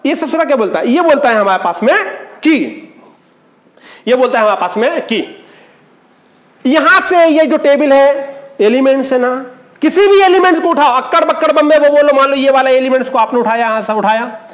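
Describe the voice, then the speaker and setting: A man's voice: extremely high pitch, normal speed. A man teaching a chemistry class in a colloquial lecture, asking rhetorical questions, answering them himself, and counting aloud for emphasis.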